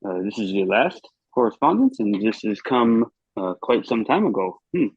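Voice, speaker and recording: A man's voice: lowish voice, sing-song, moderate pace, slightly rough, dry recording. A man playing a tabletop role-play game, speaking hesitantly with many fillers. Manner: hesitant, full of ums and uhs. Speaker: player. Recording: dull lo-fi mic.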